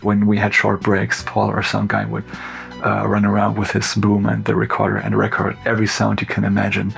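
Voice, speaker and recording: A cinematographer with a German accent talking through a film breakdown in a relaxed, loose way, full of "like" and "you know". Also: male voice, fairly low pitch, brisk, gravelly. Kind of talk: casual behind-the-scenes commentary.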